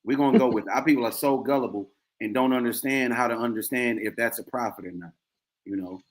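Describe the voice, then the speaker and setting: A man co-hosting a podcast in casual chat, talking in a relaxed, conversational way with many fillers. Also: medium pitch, fast. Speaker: podcast co-host.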